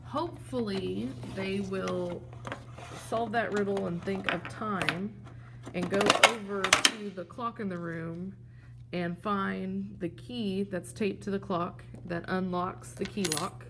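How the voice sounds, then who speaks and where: A woman's voice: medium pitch, slow pace, creaky, heavy background noise. A woman teacher giving a plain, step-by-step walkthrough of a classroom game, showing the props as she talks. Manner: plain explanatory, steady step-by-step.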